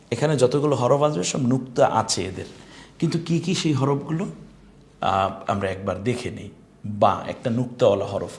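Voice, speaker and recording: A man teaching an online Quran lesson, patient and encouraging, drawing out Arabic letter sounds for students to repeat. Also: on the low side. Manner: encouraging, addresses students politely.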